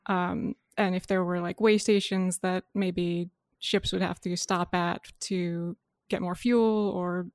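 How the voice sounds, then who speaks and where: A woman's voice: lowish voice, steady tone, slow, dry recording, clean studio sound. A woman brainstorming ideas in casual chat, hesitant and full of fillers. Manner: hesitant, many fillers, laughs often. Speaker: worldbuilding collaborator.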